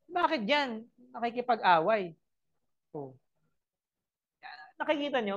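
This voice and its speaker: A woman with a Filipino accent preaching a sermon, mixing Tagalog and English and asking her listeners rhetorical questions. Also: fairly high pitch. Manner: switches between Tagalog and English, asks the congregation rhetorical questions; emphatic, acts out short everyday scenes.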